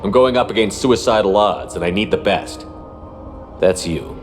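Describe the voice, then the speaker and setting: An actor playing a blunt, self-assured military commander in a video game. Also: male voice, fairly low pitch, normal speed, big-room sound, faint music behind, natural voice. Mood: earnest.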